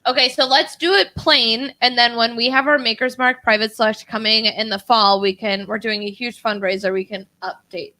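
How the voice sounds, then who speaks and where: High, bright woman with teasing quips. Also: fairly even intonation, moderate pace, few pauses. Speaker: podcast co-host. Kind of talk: casual podcast banter.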